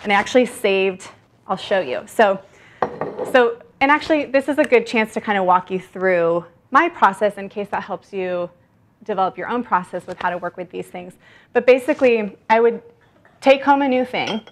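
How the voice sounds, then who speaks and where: A woman's voice: mid-range voice, moderate pace. A woman in her thirties, a guest author at a library event, talking chattily while showing produce. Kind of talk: casual talk at a library event. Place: library event room, indoors.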